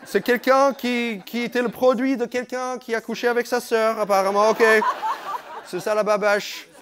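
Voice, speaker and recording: High-voiced man teasing a club crowd. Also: fairly even intonation, moderate pace, noisy background. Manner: playful, teasing, mock-outraged at the crowd. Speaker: stand-up comedian doing crowd work. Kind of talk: stand-up crowd work. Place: comedy club stage. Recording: live club audience audible.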